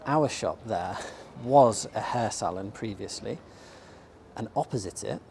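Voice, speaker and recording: His voice is lowish and a little mellow, with vocal fry, lively intonation, and a slightly slow pace, and it's starting to give out. This man from England, a bookshop owner and vlogger, eagerly chats with frequent ums while filming himself on a handheld camera up a sunny shopping street for a casual walking-tour vlog. The recording has a little hiss or hum and faint outdoor street ambience.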